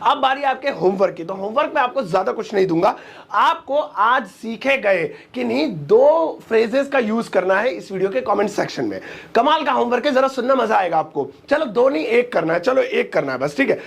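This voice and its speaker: Male language teacher, high and creaky, jokey and animated with the class. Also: moderate pace. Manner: playful, joking, acts out little dialogues. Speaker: English teacher. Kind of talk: lively spoken English lesson.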